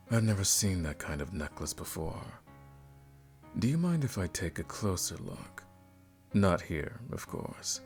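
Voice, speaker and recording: Heavily acted and extremely low in pitch, a man voices a smooth, predatory noble vampire for an intimate ASMR roleplay. His speech is formal and seductive, laced with teasing menace, sinking breathily toward a whisper.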